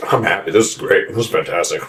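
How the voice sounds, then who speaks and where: A man in his thirties, newly joining as podcast co-host, chatting excitedly and laughing often. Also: sits low, fast talker, roomy sound. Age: 30s. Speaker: new co-host. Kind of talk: casual podcast chat.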